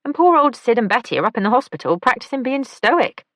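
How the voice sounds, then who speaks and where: A woman's voice: on the high side, sing-song, fast, fairly bright tone, no echo, pitched above the performer's own voice. A woman voicing a flamboyant, playful young male pastry chef in an audiobook. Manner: playful, camp, teasing.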